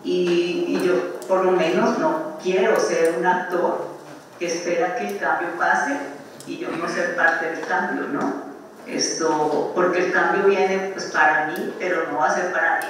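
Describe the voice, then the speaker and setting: A man's voice: high voice, steady tone, unhurried. A man reflects informally in a lecture, conversational and often ending phrases with tag questions. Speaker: speaker at an architecture lecture. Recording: distant, very echoey room, faint noise.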